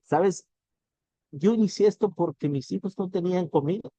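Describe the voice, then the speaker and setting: A man's voice: sits high, normal speed, warm tone, dry recording, dull audio. Earnest Mexican man giving motivational talk. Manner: earnest, preachy, swears casually, addresses listener directly. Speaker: motivational business speaker.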